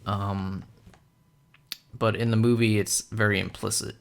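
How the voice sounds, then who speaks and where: A man's voice: lowish voice, little pitch movement, a little slow, vocal fry, clean tone. A young man talking casually through a film analysis, rambling with many fillers and hesitations. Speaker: film commentator.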